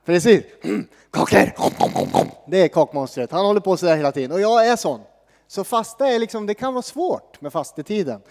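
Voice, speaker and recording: Mellow-voiced man preaching in a reverberant hall. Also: sits high, sing-song. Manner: casual, joking, with many pauses and fillers. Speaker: pastor. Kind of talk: sermon.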